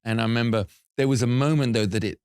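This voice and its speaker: A man's voice: medium pitch, quick pace, a little mellow, smooth, no room sound. A man hosting a talk show in a studio, speaking in an earnest and reflective way. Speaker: show host. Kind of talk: casual interview chat.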